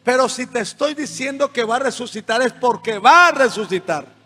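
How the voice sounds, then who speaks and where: A male pastor preaching with passion, swinging between shouts and quiet asides. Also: extremely high pitch, animated, moderate pace. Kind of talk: sermon. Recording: music underneath, long reverb hall.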